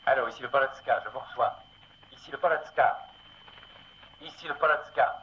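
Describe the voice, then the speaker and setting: An actor playing an urgent ship radio operator answering a distress call in a 1960s TV drama, heard as if over a field telephone. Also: male voice, medium pitch, moderate pace. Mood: urgent, alert. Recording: dull, noisy old radio transmission.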